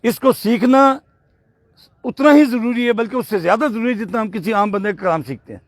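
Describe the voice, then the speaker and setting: High-voiced patient tajweed teacher, dry sound. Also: male voice, no echo. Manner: patient, corrective, repeats words slowly as models. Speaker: Quran recitation teacher. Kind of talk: tajweed lesson correcting a student.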